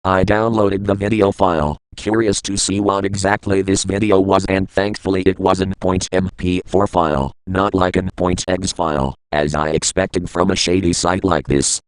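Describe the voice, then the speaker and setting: Male narrator, low voice, scripted creepypasta storytelling, dry studio-like sound. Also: little pitch movement, normal speed, few pauses, clean tone, no echo, rough recording.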